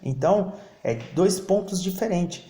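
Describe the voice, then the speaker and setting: A man's voice: high-pitched, a little slow, warm tone, roomy sound. A man preaching a sermon, often asking his listeners for an "amen". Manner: preaching with call-and-response "amém?" and acted prayer lines. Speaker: pastor. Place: church.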